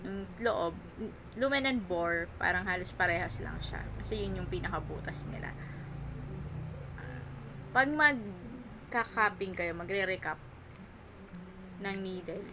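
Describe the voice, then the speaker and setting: A woman with missing front teeth gives an informal hands-on lesson as a medical instructor, in short, halting, repeated phrases. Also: lowish voice, expressive. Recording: noisy room, noise from outside. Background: background noise, child outside.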